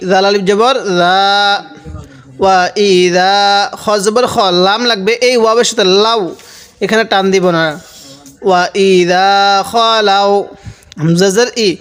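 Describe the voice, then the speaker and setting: A male Quran teacher slowly spelling out letters and vowels, then chanting each joined word, and patiently pointing out common reading mistakes. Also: high-pitched, smooth. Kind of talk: slow spelled-out recitation lesson.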